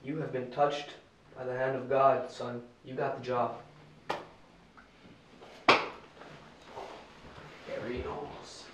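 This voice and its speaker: A man's voice: medium pitch, flat delivery, unhurried, lightly acted. An actor playing a bossy, pompous male 1970s porn director who talks down to his crew. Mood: pushy. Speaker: film director. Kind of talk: mockumentary film acting. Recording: echoey room, distant mic, faint noise.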